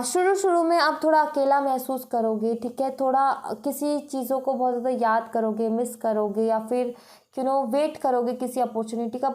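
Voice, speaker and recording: A woman's voice: a little high, darkish tone. A woman giving a reassuring tarot reading, mixing English phrases into her talk. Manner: mixes English phrases into Hindi, says "you know" and "thik hai" often; reassuring, advising. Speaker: tarot reader.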